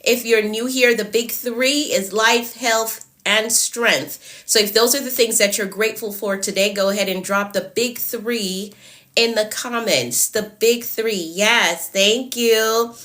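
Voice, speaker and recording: A productivity coach hosts a live stream, her voice stuffy and fading because she is congested and losing it. Slightly high, fairly bright, and unhurried, she greets viewers by name and repeats her encouragements.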